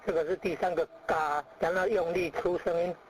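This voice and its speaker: A man's voice: high-pitched, fairly even intonation, normal speed, crowd noise, rough recording. A man teaching pronunciation. He explains each sound by comparing it to everyday words and repeats it several times. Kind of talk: pronunciation lesson.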